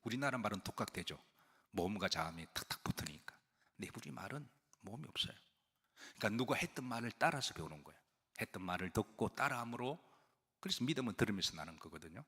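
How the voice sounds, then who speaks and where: A man preaching in a church in a low, husky voice. He talks to the congregation in a plain, questioning way, and his voice carries a long hall reverb. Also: animated, fast talker, pushed and bright. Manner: explains with questions to the congregation and acted quotes. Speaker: senior pastor. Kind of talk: conversational sermon. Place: church sanctuary.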